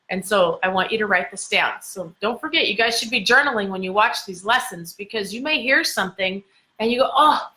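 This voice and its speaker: A woman's voice: medium pitch, sharp tone. A woman giving a motivational lesson as a communication coach, talking emphatically and repeating her key phrases.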